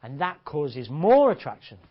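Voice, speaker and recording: A man's voice: on the high side, big pitch swings, a little slow. A man giving a blunt, crude, joking seminar talk as a dating coach to a room of listeners. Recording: dull lo-fi audio.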